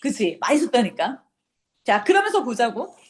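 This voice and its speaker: A middle-aged woman with a high voice that leaps up and down as she lectures high school exam students. She talks briskly, scolds a little and drills her class with rhetorical questions. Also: sing-song. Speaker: high school English teacher.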